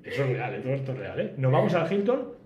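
A man, a podcast guest telling a travel story in a casual, animated way and acting out the dialogue. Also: mid-range voice, fast. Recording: roomy echo, faint background noise.

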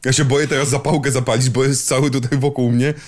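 A man's voice: medium pitch, flat delivery, fast. A man co-hosting a casual film podcast, bantering in a wry, ironic way. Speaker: podcast co-host.

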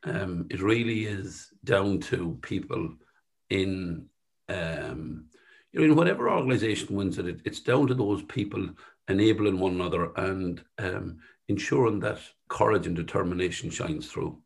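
A middle-aged man with a thick West of Ireland accent, answering interview questions modestly and haltingly, often circling back to rephrase. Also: deep voice, creaky, breathy edge. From Sligo, west of Ireland. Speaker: company chief executive being interviewed.

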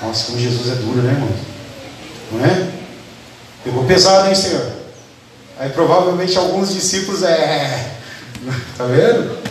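A man's voice: on the high side, lively intonation, normal speed, pauses often. A man with a Brazilian Portuguese accent preaching a conversational sermon, often asking the congregation for an amen. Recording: echoey room, mic at a distance, faint background noise.

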